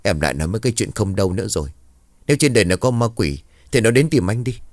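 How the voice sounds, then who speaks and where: A stubborn, quick-tempered husband, voiced by a man who dismisses everything with fast, scornful retorts. His voice is low and lively, recorded dry and close. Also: dry recording.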